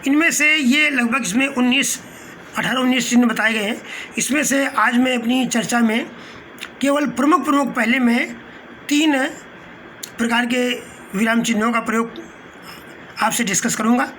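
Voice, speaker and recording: A man teaching a spoken lesson, explaining patiently, pausing on short fillers and glossing terms with English words. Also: very high voice, sharp tone, slight background noise. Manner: pauses mid-phrase with short fillers. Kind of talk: spoken lecture.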